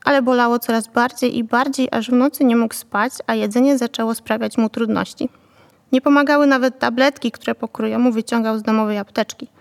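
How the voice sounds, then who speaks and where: A woman narrating a novel in a calm, steady way. Her voice is fairly high with a gravelly texture. The recording carries a long, lingering reverb. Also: fairly quick. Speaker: audiobook narrator.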